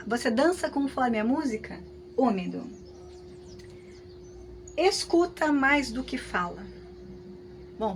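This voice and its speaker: A woman with a Brazilian Portuguese accent teaching a class, talking in a lively, conversational way with frequent tag questions. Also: fairly high pitch, a little hiss or hum. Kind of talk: lecture with hypothetical examples.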